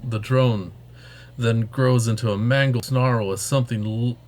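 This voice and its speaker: A man's voice: mid-range voice, fairly even intonation, a little slow, a little mellow, a little hiss or hum. A man reading a story game's narration aloud as he plays, breaking in with joking asides. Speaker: game streamer.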